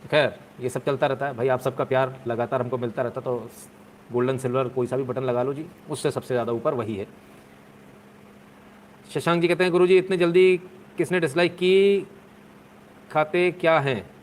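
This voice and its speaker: A man's voice: mid-range voice, steady tone, a little fast, a little hiss or hum. A man hosting a live stream, chatting casually with viewers in a joking, sarcastic way.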